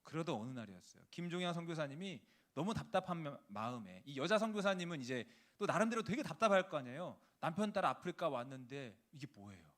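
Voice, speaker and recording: A man's voice: fairly high pitch, sing-song, fast talker, hardly any pauses, fairly bright tone. A male preacher giving a sermon, telling a story and acting out the quoted lines. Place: church.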